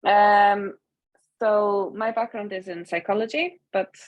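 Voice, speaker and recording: A woman's voice: medium pitch, fairly even intonation, slow pace, no room sound, narrow, tinny audio. A woman from Iceland with an Icelandic accent, a fab lab director, introducing herself on a video call in a hesitant way.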